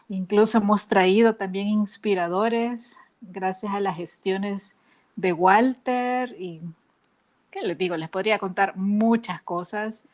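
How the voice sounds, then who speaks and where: A woman hosts a casual podcast conversation. She talks slowly and stretches out her words, chatty and enthusiastic as she introduces her guest. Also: mid-range voice. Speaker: podcast host.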